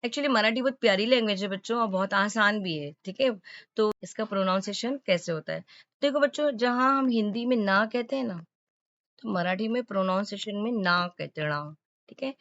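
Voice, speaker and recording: A woman's voice: a little high, fairly quick, fairly bright tone, dry recording. Woman teacher for a kids' lesson video, patient, keeps checking understanding, dry, slightly dull sound. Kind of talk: explaining a school lesson to children.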